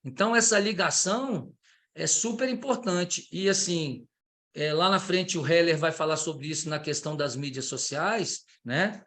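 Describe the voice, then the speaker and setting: High-voiced, enthusiastic Brazilian man teaching. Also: moderate pace, a bit bright. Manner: enthusiastic, gets carried away. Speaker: capoeira teacher. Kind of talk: online training talk. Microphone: video call.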